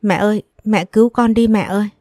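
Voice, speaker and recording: A woman's voice: medium pitch, fairly even intonation, brisk, mellow, no echo, studio quality, pitched above the performer's own voice, lightly acted. A woman voicing an irresponsible older brother who whines and begs his family to save him. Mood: pleading. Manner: pleading, whining. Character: irresponsible pleading older brother, loud but cowardly.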